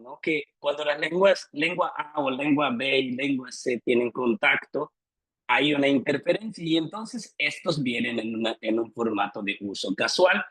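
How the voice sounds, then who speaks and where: A man's voice: mid-range voice, pushed and bright, husky, dry recording, poor audio. A man giving an academic lecture, hesitant, repeating words and often checking in with his listeners.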